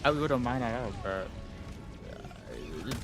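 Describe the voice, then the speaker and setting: A man's voice: medium pitch, big pitch swings, slow, vocal fry. Rambling streamer guy, faint music behind. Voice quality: sounds a bit stuffy-nosed. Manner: rambling, filler-heavy, full of "like" and "you know". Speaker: live streamer. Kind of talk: casual chat while gaming on stream.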